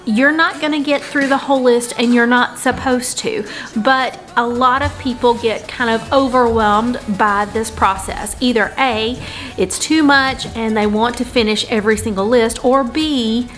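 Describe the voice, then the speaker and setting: A woman in her forties talks through her cleaning routine in a relaxed, chatty vlog style. Her voice sits a little high. She explains things step by step, like advice shared between friends, with soft music faintly underneath. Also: a little slow. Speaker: host of a home cleaning channel. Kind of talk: casual chatty vlog talk and tips.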